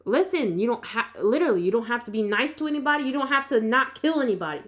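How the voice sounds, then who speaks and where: A woman's voice: a little high, expressive, fast talker. Insistent woman in casual debate. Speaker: vlog host. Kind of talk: casual argumentative chat.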